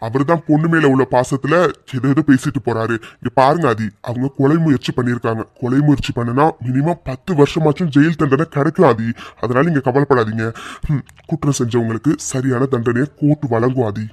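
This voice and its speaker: A man voicing a calm, firm police inspector in a cartoon who explains the law plainly. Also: medium pitch, fairly quick, no room sound, natural voice. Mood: reassuring. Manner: firm, explanatory, repeats "sir" politely. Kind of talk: cartoon voice dubbing.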